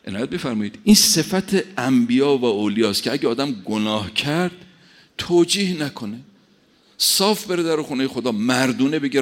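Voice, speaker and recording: A man preaching a sermon, animated, swinging between loud emphatic lines and soft quiet asides. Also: mid-range voice.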